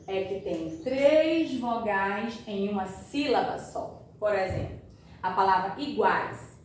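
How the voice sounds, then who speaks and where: Slow-spoken woman teacher in an echoey room. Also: mid-range voice, a little mellow. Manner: slow, patient, checks understanding often. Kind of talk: classroom grammar lesson. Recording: echoey room, far from mic, faint noise.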